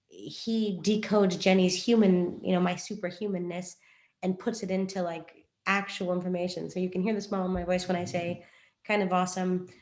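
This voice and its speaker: In a relaxed screen-share explanation, a woman coaching traders talks through a chart, wandering off on tangents and joking at her own expense. Her pitch is fairly low and her tone darkish.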